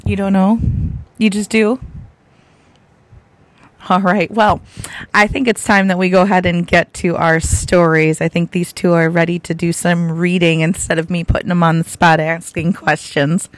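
A woman with a raspy, gravelly voice, hoarse from laryngitis, hosting a podcast and gently prompting young guests with simple, encouraging questions. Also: on the low side, level tone, moderate pace, poor audio. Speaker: podcast host, school teacher or librarian. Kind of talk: friendly podcast interview with children.

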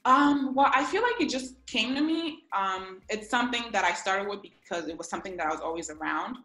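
Young woman from ghana, bright low-ish voice, chatty with lots of ums, echoey room with faint music. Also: a little fast. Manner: relaxed, many fillers. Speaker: interview guest, music publicist. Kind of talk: casual interview chat.

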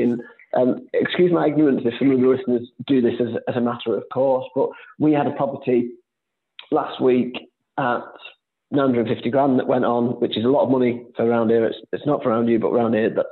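A man guesting on a podcast talks about his work as an estate agent. He rambles in a chatty way at a middle pitch. His voice comes through a narrow, tinny, phone-like line. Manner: chatty, rambling, with frequent fillers and restarts. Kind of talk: casual podcast conversation. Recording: phone-like remote call audio.

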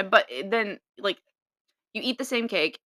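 Young woman, podcast co-host, bright and forceful tone, dry close sound, hesitant restarts. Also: medium pitch, slow, dry recording. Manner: hesitant, trailing off with many restarts. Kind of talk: casual chat.

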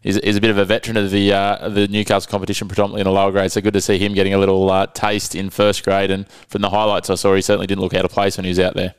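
A deep-voiced Australian man gives casual, matey sports commentary. His delivery is brisk and wordy, with a clean, smooth tone. The sound is close and dry. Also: completely flat delivery, no room sound. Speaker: rugby league podcast co-host.

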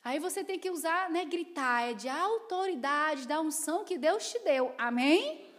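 A high-pitched middle-aged woman delivers a sermon as pastor, moving between quiet, close asides and loud, emphatic declarations. Her voice rings out with the long reverb of a church hall. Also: expressive, a little slow.

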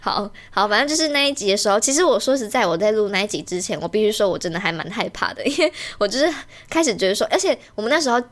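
A young woman, co-hosting a podcast in casual chat, giggly and animated. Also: medium pitch. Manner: giggly, animated, quick to mimic friends. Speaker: podcast co-host.

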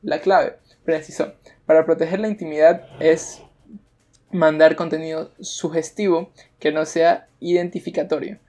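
A man's voice: fairly high pitch, steady tone, measured pace, mellow. A young man co-hosting a casual podcast, reading out news tips and cracking crude jokes between them. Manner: crude, joking, laughs between reads. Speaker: podcast co-host.

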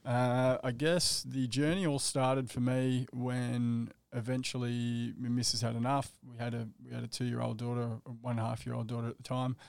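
A man's voice: medium pitch, level tone, moderate pace, creaky, hardly any pauses, no room sound. An Australian man in his thirties, telling his own story casually in a laconic, matter-of-fact way. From Australia, Western Sydney and the Gold Coast. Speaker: podcast guest, endurance athlete.

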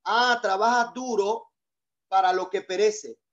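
A man's voice: high-pitched, fairly even intonation, takes it slowly, a bit bright, muffled recording. A male pastor preaching a sermon, leading call-and-response and repeating key phrases for emphasis.

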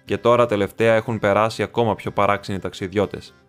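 A man voicing a grim, guarded ranger who speaks low, quiet and measured. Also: flat delivery, clean tone, soft background music, lightly acted. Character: grim weathered male ranger, guarded and stern.

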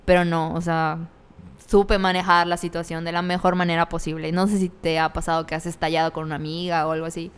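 A woman's voice: on the low side, level tone, a little fast, clear, resonant tone, in a large hall. A woman with a Mexican accent chatting casually, telling a candid personal story with slang. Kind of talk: casual chat.

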